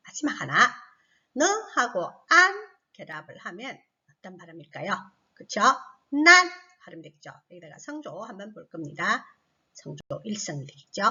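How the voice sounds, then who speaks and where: A woman teacher leads a recorded language lesson for children with slow, patient pacing. Her voice is high and sings up and down as she models sounds loudly, then drops back to calm explanation. The recording is dull and lo-fi. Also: breathy edge.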